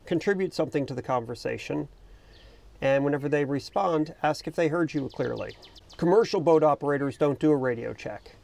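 A middle-aged man hosting a boating video talks casually to camera from the cockpit of a small parked boat outside, explaining things conversationally without a script. His voice runs on the high side, mellow and creaky.

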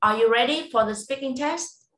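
Bright-voiced woman teacher on a video call. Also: sits high. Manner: encouraging, slow and clear, prompts word by word. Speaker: English teacher. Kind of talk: online speaking test. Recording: roomy echo.

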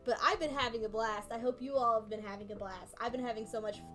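A woman's voice: fairly high pitch, fast talker, a bit bright, faint music behind. A woman streamer chatting casually and thinking aloud as she plays a video game, often poking fun at her own skill. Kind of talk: casual gameplay commentary.

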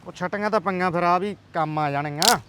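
A young man playing a calm, soft-spoken, dutiful village nephew in a village drama. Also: high-pitched, fairly quick, background noise, close to an everyday voice. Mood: mild.

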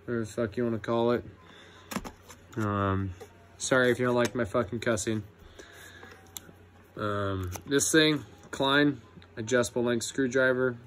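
A young man, an electrician apprentice, showing his tools in a casual vlog, relaxed and cussing freely with lots of ums. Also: mid-range voice, slight background noise. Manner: laid-back, swears a lot, many ums. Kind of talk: casual tool review vlog.

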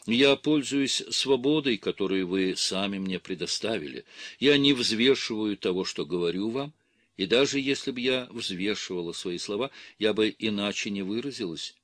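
A man's voice: on the low side, normal speed, fairly bright tone, no echo, lightly acted. A man reading an audiobook, voicing a young, innocent nun who answers earnestly and apologetically. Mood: earnest pleading.

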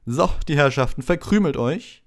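A man putting on a vain, self-satisfied wizard teacher in a storybook reading, booming and condescending. The voice is lifted high above the reader's own and rolls with lively inflection. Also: normal speed. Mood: patronizing. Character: pompous, patronizing vain adult wizard teacher. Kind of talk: audiobook reading.

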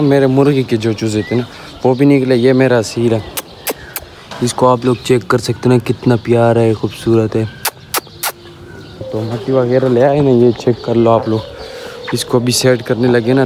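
In a relaxed home-tour vlog, a man in his twenties speaks to viewers in a mid-range voice as he walks a rooftop and village yard, pointing things out and tacking "na" onto his sentences. The phone is held at arm's length, picking up outdoor noise and birds.

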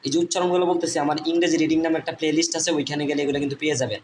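A man with a slightly high voice, speaking with a Bangladeshi accent, slowly spells out English words for young learners. He says each letter and each syllable, then repeats them again and again, like a patient classroom drill. The recording sounds echoey, with faint room noise behind him. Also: fairly even intonation. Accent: Bangladeshi Bengali. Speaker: English teacher. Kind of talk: spelling-out reading lesson.

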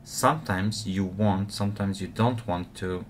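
Low-voiced man explaining fly tying. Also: unhurried, a little hiss or hum. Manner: relaxed, explanatory, frequent uh fillers. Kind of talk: step-by-step tutorial narration.

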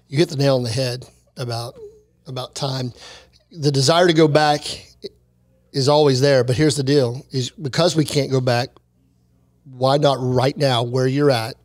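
A man in his forties co-hosting a church podcast, talking in an earnest, encouraging way on a close boom mic in a small studio. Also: fairly even intonation, unhurried, no room sound. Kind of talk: casual chat. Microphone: boom mic close to mouth.

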